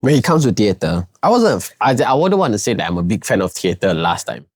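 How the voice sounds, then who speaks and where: A man's voice: fairly low pitch, very animated, a little fast, darkish tone, no echo, studio quality. A man hosting a podcast, asking casual, blunt questions. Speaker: podcast host.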